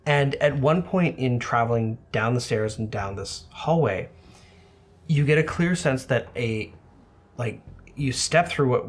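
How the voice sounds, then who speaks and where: A man's voice: mid-range voice, breathy edge. A man narrating a tabletop game as game master, describing scenes to the players.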